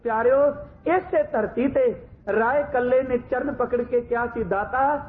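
High-voiced man preaching over a tinny line. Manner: addresses listeners directly, slows to chant scripture verses. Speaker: Sikh religious preacher. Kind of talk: storytelling sermon. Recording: tinny phone-like sound with faint noise.

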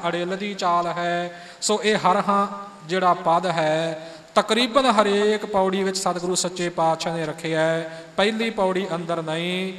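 A man with a high voice teaches the recitation of Sikh scripture, moving from calm explanation into slow sung lines that show the right pronunciation. His voice carries a long reverb, as if he is in a large hall. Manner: explains calmly, then sings lines slowly to model pronunciation.

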